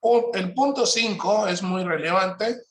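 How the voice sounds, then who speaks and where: Man, somewhat high voice, parenting workshop presenter, calm explanatory talk, checks in with listeners. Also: unhurried.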